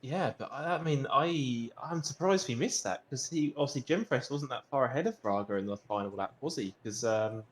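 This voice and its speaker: A man's voice: mid-range voice, lively intonation, normal speed, hardly any pauses. Hesitant male guest co-commentator. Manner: hesitant, chatty. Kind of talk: casual commentary chat.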